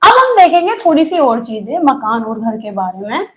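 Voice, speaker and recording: A woman's voice: on the high side, sing-song, moderate pace, a bit bright, rough recording. A woman teaching a live online exam-prep class, who repeats key phrases and keeps quizzing her students with questions.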